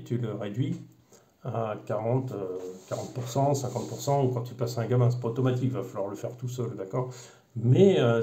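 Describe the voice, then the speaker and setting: Un homme qui présente et explique une radiocommande de modélisme, sur un ton décontracté, avec beaucoup d'hésitations et de reprises. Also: male voice, mid-range voice, mellow, roomy sound. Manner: rambling, many fillers and restarts. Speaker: RC hobby video host. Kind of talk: casual unboxing explanation.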